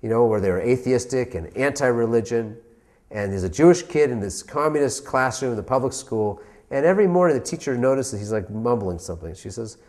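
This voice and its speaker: A man's voice: mid-range voice, expressive, fairly quick, darkish tone. A man, a rabbi, giving an inspirational talk, telling stories and asking emphatic rhetorical questions.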